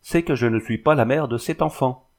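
A man's voice: medium pitch, moderate pace, pitched above the performer's own voice, lightly acted. Male reader voicing a proud, wounded young heroine; storybook reading, bitter and restrained.

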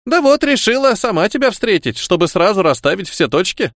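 A man's voice: sits high, sing-song, fairly quick, fairly bright tone, no room sound, studio quality, voice pushed up, full character voice. A man voicing a stern old grandmother who scolds her grandson in curt commands. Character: stern old grandmother, a retired chief surgeon.

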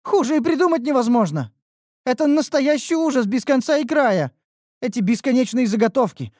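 A complaining young red elf girl, as an audiobook narrator puts her on, pleading and protesting with big swings of pitch. The reading is dry and close with no room sound. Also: a little mellow, no echo. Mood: outraged. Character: whiny young female red elf apprentice. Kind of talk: audiobook character voice.

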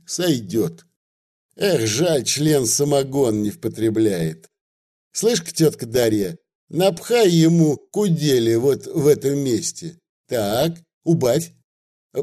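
A man's voice: mid-range voice, dark tone. A man reading aloud and voicing a fawning, stout middle-aged village peasant who talks in an obsequious, folksy way. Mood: agitated. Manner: obsequious, folksy rustic speech.

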